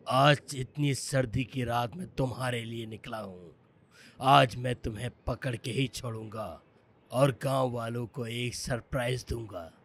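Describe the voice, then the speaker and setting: A man's voice: mid-range voice, a little slow, a bit bright, slight background noise. A man voicing a determined, boastful male hunter in a cartoon dub. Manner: resolute, boastful. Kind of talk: cartoon dubbing.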